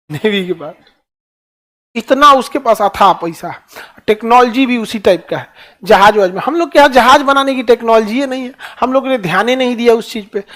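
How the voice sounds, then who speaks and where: Male teacher, Bihari accent, very high pitch, chatty rhetorical lecturing style. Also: a bit bright. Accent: Bihari Hindi. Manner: rhetorical questions, colloquial. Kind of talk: classroom lecture.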